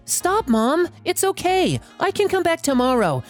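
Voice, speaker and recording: A woman's voice: very high voice, sing-song, measured pace, soft background music, pitched above the performer's own voice, exaggerated voice. A woman voicing a meek, apologetic young adult daughter at a store counter. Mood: pleading.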